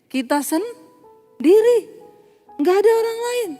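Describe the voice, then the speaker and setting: A woman pastor preaching a sermon, animated and telling stories, acting out dialogue and laughing at her own jokes. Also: very high voice, takes it slowly, in a large hall, soft background music. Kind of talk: sermon with storytelling.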